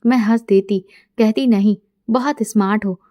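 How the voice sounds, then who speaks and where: A middle-aged woman narrating a first-person story in a soft, intimate way, quoting dialogue plainly. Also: medium pitch, steady tone, moderate pace, no echo, studio quality.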